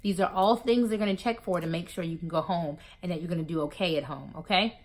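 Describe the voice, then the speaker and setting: A woman's voice: on the low side, fast. A woman talking casually to her viewers, giving advice from her own experience and often calling them "y'all". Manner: animated, addresses listeners as "y'all". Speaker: vlogger sharing surgery recovery tips. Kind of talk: casual advice talk to camera.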